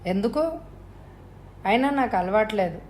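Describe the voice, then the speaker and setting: A woman's voice: medium pitch, expressive, a little slow, darkish tone, a little hiss or hum, close to an everyday voice. A woman voicing a frightened man who stammers and murmurs anxiously. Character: frightened middle-aged man facing death.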